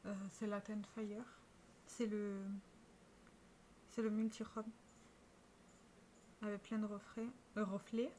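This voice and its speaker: A woman's voice: mid-range voice, flat delivery, slow pace, pauses often, warm tone, a little hiss or hum. A French-speaking woman talking casually to camera about her makeup, chatty and showing each product with small restarts. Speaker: beauty vlogger.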